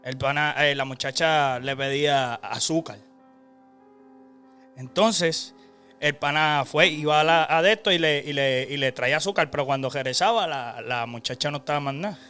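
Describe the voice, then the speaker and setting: A man's voice: on the high side, normal speed, bright, forceful tone, clean tone, soft background music. A young Puerto Rican man hosting a casual chat, rambling through a spooky tale with restarts and laughs. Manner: rambling, many restarts and fillers, laughing often. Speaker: host.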